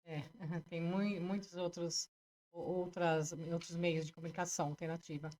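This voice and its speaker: A woman's voice: fairly low pitch, level tone, a little mellow. A woman with a Brazilian Portuguese accent, hosting an interview podcast and asking follow-up questions to check her understanding. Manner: quick, follows up and confirms. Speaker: podcast host. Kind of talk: interview questions and back-channels.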